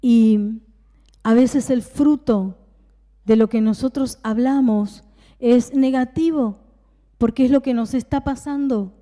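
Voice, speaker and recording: Woman pastor, Rioplatense accent, dark mellow tone, emphatic repeated phrases and hushed asides, preaching in a church with long hall reverb. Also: fairly high pitch, slow pace. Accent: Rioplatense Spanish. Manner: preaching with emphatic repetition, dropping to a whisper at times. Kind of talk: sermon.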